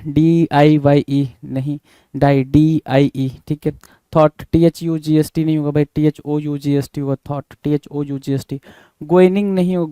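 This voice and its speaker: A man with an Indian accent works through a spelling quiz, calling out each word and then spelling it letter by letter. His voice sits a little high but sounds mellow and dark. The recording is dry and close, with no room sound. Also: no room sound. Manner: casual, repeats words and spells them out letter by letter, says "bhai" often. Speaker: English teacher. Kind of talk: spelling lesson, going through answers.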